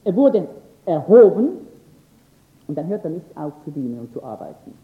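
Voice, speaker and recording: A man teaching a lecture on scripture, earnest and emphatic, pausing now and then with fillers. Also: on the high side, sing-song. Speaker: Bible teacher. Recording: echoey, phone-like lo-fi recording.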